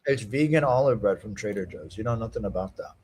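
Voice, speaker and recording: A man's voice: on the low side, expressive, fast, darkish tone, slightly rough. A man hosting a casual live stream, chatting, thanking donors and reacting to fights. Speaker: stream host.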